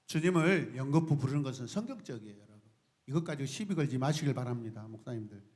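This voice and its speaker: A man preaching a sermon to his congregation, lively and often shouting out cries and calling on the people to join in. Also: mid-range voice, quick pace. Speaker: pastor.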